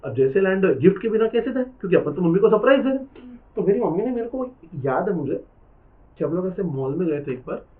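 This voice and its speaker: Young male exam tutor, quick and a bit high, teasing class banter, thin phone-like recording. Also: very animated. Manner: teasing, chatty, switches into English phrases. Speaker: accounting exam lecturer. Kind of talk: classroom lecture with storytelling. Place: classroom with students. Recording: tinny phone-like lecture recording.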